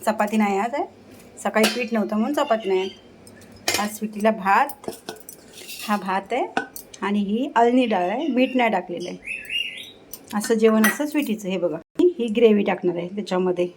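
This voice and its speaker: A woman's voice: medium pitch, animated, moderate pace, long pauses, background noise. A middle-aged woman, chatting casually through a home vlog in her kitchen and cooing in baby talk to her pets. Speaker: home vlogger.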